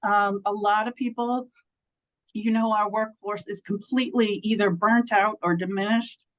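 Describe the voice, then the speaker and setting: A woman's voice: medium pitch, steady tone, normal speed, poor audio. A woman presenting a state program on a video call, conversational and enthusiastic with many fillers.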